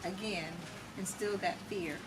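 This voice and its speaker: A middle-aged American woman speaks in a mid-range, steady, unhurried voice, recorded on a distant mic with loud ambient noise. As an interview guest, she explains her views conversationally and emphatically, checking that she's being understood.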